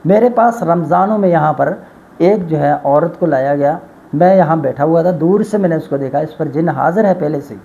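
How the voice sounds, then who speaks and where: A man's voice: on the high side, gravelly, warm tone, dull audio. A man, a spiritual healer, earnestly retelling a story about his healing work in a religious talk. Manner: earnest, swearing by God, retelling a dialogue.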